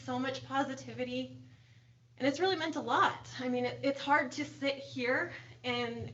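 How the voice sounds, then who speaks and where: A woman's voice: fairly high pitch, fairly bright tone, highs cut off, slight background noise. A woman school board member giving heartfelt, earnest thanks at a board meeting, close to tears. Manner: heartfelt, earnest, repeating "I know". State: emotional, near tears. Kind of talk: public remarks at a board meeting.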